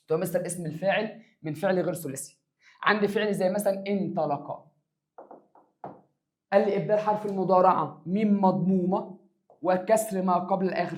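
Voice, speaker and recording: A man teaching an exam review of grammar in an Egyptian accent, stretching words for emphasis and answering his own questions. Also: high voice. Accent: Egyptian Arabic. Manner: lively, stretches words for emphasis, calls students "my dears". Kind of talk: exam review lesson for secondary students.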